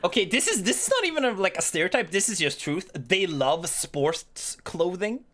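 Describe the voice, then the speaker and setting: A woman co-hosting a podcast in casual chat, blunt and quick to swear. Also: fairly low pitch, big pitch swings, a bit bright. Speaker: podcast co-host.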